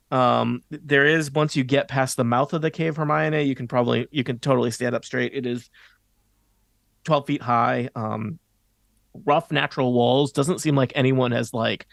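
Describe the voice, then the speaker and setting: A man running a tabletop game as game master, narrating scenes to players in halting, hesitant phrases with a creaky voice. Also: medium pitch, no echo, clean studio sound.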